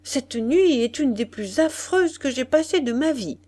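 A woman's voice: high voice, animated, a little slow, mellow, pitched above the performer's own voice. Woman putting on a petulant spoiled young noblewoman. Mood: complaining. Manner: sulky, complaining, raised voice.

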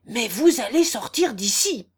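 A woman reading aloud, voicing a proud, protective gentleman with a haughty, indignant manner. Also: fairly high pitch, lively intonation, moderate pace.

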